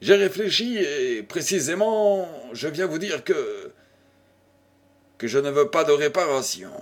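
A man's voice: a little high, very animated, a little slow. A man reading a proud, resolute young widow. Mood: cool. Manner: firm, slightly ironic.

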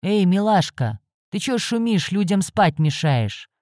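A woman voicing a rough, drunken male troll thug with a gruff, leering manner. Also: mid-range voice, very animated, measured pace, darkish tone, no room sound, studio quality.

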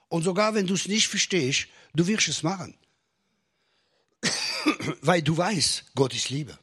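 Husky-voiced male preacher. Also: on the high side, a bit bright. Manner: preaching to a congregation with jokes and rising emphasis. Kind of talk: sermon.

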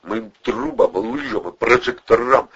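A man's voice: medium pitch, lively intonation, a little slow, breathy edge, dull audio, voice pushed up, full character voice. A man doing a brash cocky driver. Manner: blunt, loud, cocky. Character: brash bold man behind the wheel.

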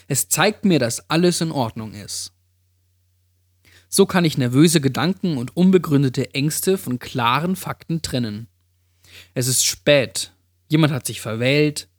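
A man narrating a first-person horror story in a calm, hushed storytelling manner. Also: mid-range voice, no room sound, clean studio sound. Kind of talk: first-person creepypasta reading.

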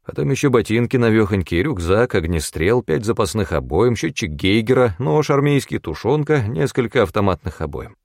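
Brief: male audiobook narrator, low and expressive, first-person story read, dry booth sound. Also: normal speed, few pauses, dry recording.

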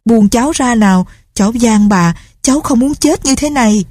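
A woman's voice: on the high side, unhurried, mellow, no room sound, studio quality, pitched above the performer's own voice. Woman doing a terrified pleading young girl. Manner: pleading, frantic. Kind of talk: audiobook character reading.

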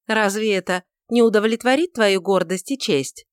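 A woman voicing a proud, quick-tempered young beauty who talks in a mocking, defiant way, on a dry recording. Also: medium pitch, smooth, no echo, natural voice. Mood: exultant.

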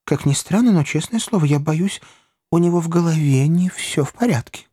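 A man voicing a genial elderly gentleman who gets startled and flustered. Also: a little high, huge pitch swings, moderate pace, husky, no echo, clean studio sound, voice pushed up, exaggerated voice. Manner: fussy, flustered exclamations.

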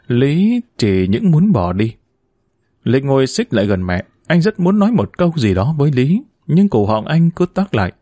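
Expressive male audiobook narrator, dry sound. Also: mid-range voice, no room sound. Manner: expressive, steady literary reading. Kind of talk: scripted narration.

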